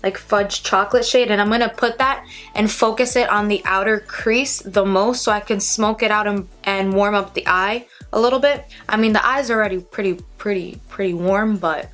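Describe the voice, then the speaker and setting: A woman presents a casual makeup tutorial with music playing behind her. She talks in a chatty way, straight to her viewers, at a medium pitch. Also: fairly even intonation, moderate pace, fairly bright tone. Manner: chatty, addresses viewers directly. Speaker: beauty vlogger. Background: background music.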